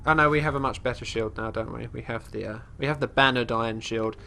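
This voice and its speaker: A congested let's play host chats casually while playing a fantasy game, rambling and often restarting sentences as he describes what his character does, referring to the character in third person. His mid-range voice is fast, gravelly and sharp.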